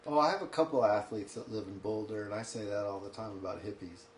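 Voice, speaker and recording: Man, athletic coach, podcast guest, matter-of-fact, relaxed, roomy echo, faint hum. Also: lowish voice, fast. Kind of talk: casual podcast conversation. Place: his home office.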